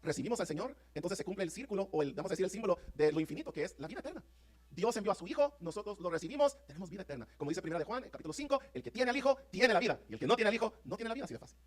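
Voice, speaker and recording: A man's voice: sits high, very animated. A man preaching a sermon to his congregation as pastor, fervent and emphatic, often asking if they are with him. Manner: fervent, rapid preaching with rising emphatic peaks; addresses congregation as brothers, asks "¿están conmigo?". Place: church sanctuary.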